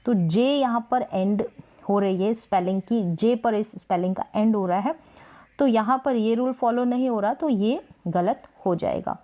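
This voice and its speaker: A woman teaching English spelling rules, patiently repeating example words slowly for practice. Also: a little high, mellow. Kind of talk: Hindi-language spelling lesson.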